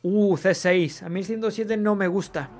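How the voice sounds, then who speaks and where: A man's voice: high-pitched, normal speed, a little hiss or hum. Chatty streamer man. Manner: chatty, swears casually, reads chat aloud. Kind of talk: casual live gameplay chat.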